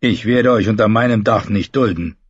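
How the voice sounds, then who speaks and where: A man's voice: lowish voice, moderate pace, breathy edge, no room sound, muffled recording. A man reading an audiobook, voicing a harsh, scornful lord who speaks in a cutting, commanding way. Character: harsh scornful older male lord, contemptuous.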